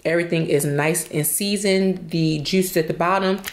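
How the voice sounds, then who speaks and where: Speaking at a moderate pace in a lowish, steady voice, a young woman vlogger talks casually while she eats at home, now and then with her mouth full. The indoor recording sounds roomy and distant.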